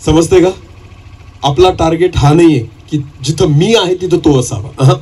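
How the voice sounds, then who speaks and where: A man's voice: on the high side, moderate pace, a little mellow, breathy edge, rough recording. A man preaching a sermon as pastor, his voice climbing in urgent bursts and punctuated by calls of hallelujah.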